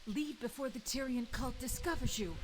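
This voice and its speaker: A woman's voice: fairly high pitch, normal speed, background noise, lightly acted. A woman voicing an earnest young game character who speaks with care. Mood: urgent. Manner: earnest, caring. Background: game music.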